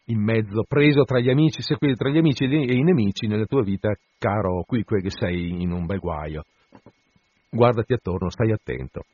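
A male radio host reading a novel aloud with theatrical expression, then chatting to listeners in relaxed asides. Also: fairly low pitch, normal speed, husky, no room sound. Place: radio studio. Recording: dull dry radio broadcast.

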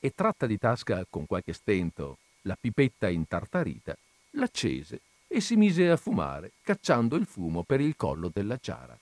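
A man narrating a literary story in an expressive reading voice. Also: lowish voice, normal speed, no echo. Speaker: reader.

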